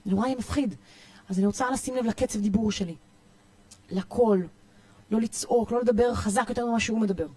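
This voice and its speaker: A woman youth coach with an Israeli accent, giving parenting tips in a podcast interview in an energetic, emphatic way, often repeating herself. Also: on the high side, pauses often, no echo. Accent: Israeli Hebrew. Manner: energetic, repetitive, emphatic listing.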